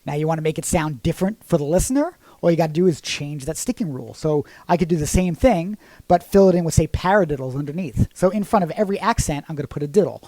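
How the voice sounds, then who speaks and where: A man's voice: on the high side, fast talker, few pauses, slight background noise. A man teaching drums in a casual lesson, explaining concepts and singing rhythms as syllables. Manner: sings accent rhythms as "ta"; relaxed, conversational explaining. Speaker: drum teacher.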